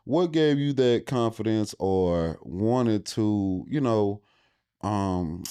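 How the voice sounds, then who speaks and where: A man's voice: fairly low pitch, animated, slow pace, warm tone, smooth, no room sound. A man hosting a podcast interview, talking casually in loose, rambling, slangy sentences. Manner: rambling, loose slangy talk full of "you know". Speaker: podcast host.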